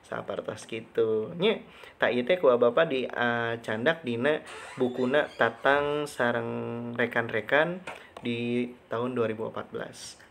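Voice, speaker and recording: A male teacher talks through a recorded slide lesson at a middling pitch. He poses a question, then answers it himself, drawing out the important words and saying them twice. It has the patient rhythm of someone explaining to a class he cannot see. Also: unhurried, creaky, fairly bright tone, a little hiss or hum. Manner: stretches key words and repeats them for emphasis.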